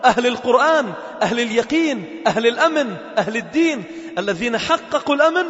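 Male preacher, high voice, rapid impassioned storytelling, echoing hall on a dull recording. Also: expressive, fairly bright tone. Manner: impassioned storytelling, rising to emphatic cries. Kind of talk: sermon.

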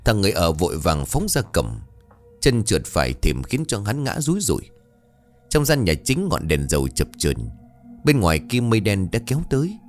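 A man reading a ghost story aloud as a scripted narration, dramatic and expressive. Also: on the low side, moderate pace, soft background music.

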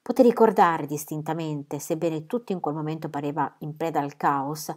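Mellow woman reading a novel aloud. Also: deep voice. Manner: expressive, measured storytelling. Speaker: reader. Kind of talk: audiobook narration.

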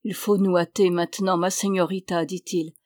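Woman reading as a calm, devoted young man. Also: on the low side, normal speed, dry recording, clean studio sound, natural voice. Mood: serious.

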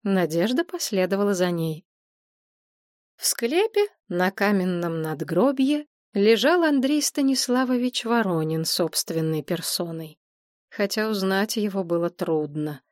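A woman narrating an audiobook in an even, wry storytelling manner. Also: mid-range voice, a little slow, no room sound, clean studio sound. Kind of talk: scripted narration.

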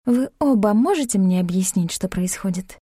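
A woman's voice: mid-range voice, lively intonation, normal speed, dark tone, husky, no echo. A woman reading an audiobook, voicing a dry, reluctant young woman tourist. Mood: wry. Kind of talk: audiobook character voice.

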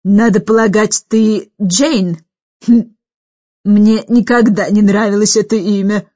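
Woman voicing a booming, bossy old governess. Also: fairly even intonation, no room sound, dull audio. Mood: domineering. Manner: loud, slow and bossy, barking orders. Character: domineering booming older woman, a harsh governess.

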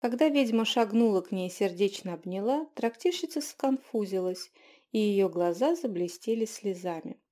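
A woman narrating a fantasy audiobook in an even, measured reading. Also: mid-range voice. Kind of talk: storybook narration.

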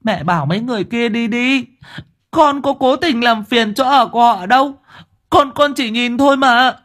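A man voicing a frightened, feverish little boy who pleads in a high voice. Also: normal speed, a bit bright. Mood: terrified.

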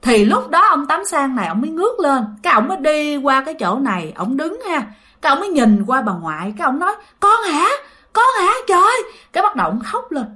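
A woman's voice: high voice, very animated, fast, bright, forceful tone. A woman with a Southern Vietnamese accent telling a ghost story in casual spoken style, often turning to address her listeners. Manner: chatty, addresses listeners directly.

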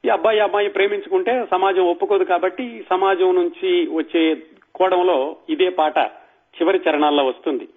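A man hosting an audio talk show, slowly reciting film song lyrics and then explaining them. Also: high voice, fairly even intonation. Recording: tinny phone-like audio.

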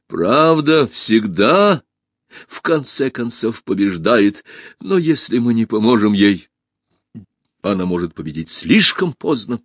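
A man voicing a proud, wronged old empress in an audiobook, speaking slowly and solemnly. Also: fairly low pitch, big pitch swings, no room sound, studio quality, heavily acted. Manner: slow, solemn, commanding. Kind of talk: audiobook character voice.

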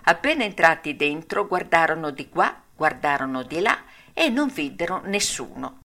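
A woman narrating a storybook audiobook in a measured, expressive reading. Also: low voice.

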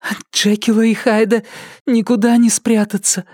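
A man's voice: high-pitched, level tone, moderate pace, darkish tone, no echo, studio quality, pitched above the performer's own voice. A man playing a frightened, strained young woman. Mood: desperate. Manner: pleading, strained.

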